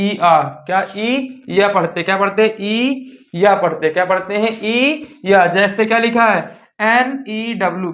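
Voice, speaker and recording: A man's voice: sits high, fairly bright tone. A young man teaching English pronunciation rules in a classroom-style lesson, asking questions and answering them himself over and over.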